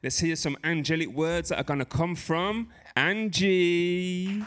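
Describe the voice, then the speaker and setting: A man's voice: fairly high pitch, fairly even intonation, a little slow, fairly bright tone, a little hiss or hum. A young man hosting a live poetry event, chummy and rambling, hyping up the audience between acts. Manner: chummy, hypes the crowd, rambling asides. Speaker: event host.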